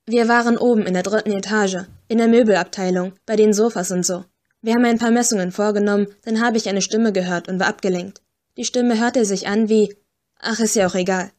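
Woman reading upset young agent girl, snappy and loud, audiobook. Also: mid-range voice, steady tone, a little fast, close to an everyday voice. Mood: upset agitated. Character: young female agent, angry and frightened.

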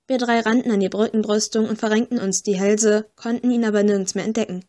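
A woman reading an audiobook in a steady, measured first-person narration. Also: mid-range voice.

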